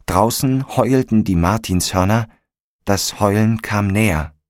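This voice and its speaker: A man narrating a story in a calm, measured audiobook style. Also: on the low side, no room sound, clean studio sound.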